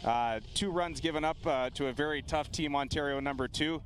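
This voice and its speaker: A man's voice: on the high side, fairly quick, slight background noise. A man working as a field-level sports reporter, doing a live post-game interview outdoors.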